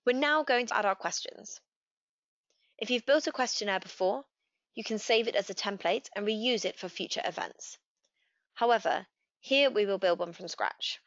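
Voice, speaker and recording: A woman gives a scripted software walkthrough in a steady, clear voice. The recording is dry, with no room sound. It is also a little dull in tone. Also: mid-range voice, no room sound. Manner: steady, clear step-by-step instruction. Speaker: customer success manager. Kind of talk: scripted software tutorial narration. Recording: dry, slightly dull voice-over.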